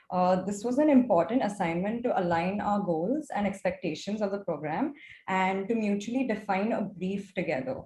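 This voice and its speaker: A young adult woman, a native Gujarati speaker with an Indian accent, gives a prepared presentation of her project as a mentorship student. Her voice is mid-range with a darkish tone. The room echoes, and there is clear background noise.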